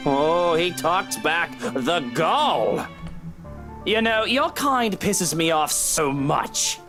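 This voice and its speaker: An actor voicing a haughty, sarcastic, menacing homeowner in a visual novel game, mocking and theatrical. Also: male voice, a little high, lively intonation, extremely slow. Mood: mocking menace. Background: faint game music.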